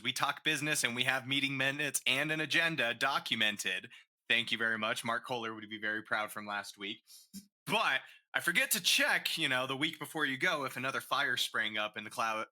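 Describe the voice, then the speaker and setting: A man co-hosting a casual podcast, joking around and running a quiz game in a playful manner. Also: medium pitch. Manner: playful, jokey, lively quiz-host delivery. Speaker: podcast co-host and game show quizmaster. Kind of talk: casual chat.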